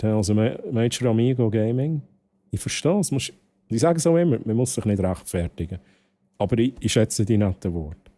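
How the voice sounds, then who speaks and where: A man's voice: mid-range voice, warm tone. A man with a Swiss German accent chatting casually with his livestream viewers, rambling and repeating phrases, with some English words slipped in. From Switzerland. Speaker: game livestreamer. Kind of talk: casual chat with stream viewers.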